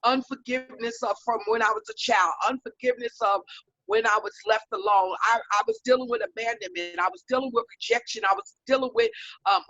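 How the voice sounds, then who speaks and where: A woman guest telling a personal story in an earnest, reflective way with pauses, on a video call. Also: on the high side, a bit bright, no echo, lo-fi sound. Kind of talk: personal testimony in an online talk show.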